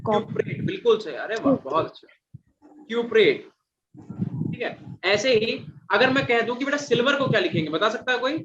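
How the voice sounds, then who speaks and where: High-voiced man quizzing a class. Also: animated, moderate pace, fairly bright tone, a little hiss or hum. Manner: repeats and quizzes students, calls them "beta". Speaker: teacher. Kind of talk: classroom chemistry lecture. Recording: dull lo-fi classroom recording.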